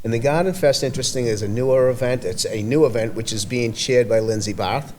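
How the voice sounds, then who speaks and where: A medium-pitched man with a darkish tone and an Everett, Massachusetts accent chats casually on a podcast as a community event organizer, rambling, halting and restarting frequently. Slight background noise is present.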